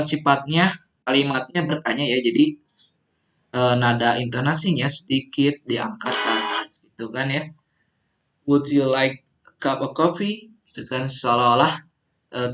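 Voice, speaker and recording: A man's voice: mid-range voice, fairly bright tone. A man teaching English phrases, patiently repeating them for students to drill. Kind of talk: classroom teaching simulation. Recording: muffled lo-fi recording.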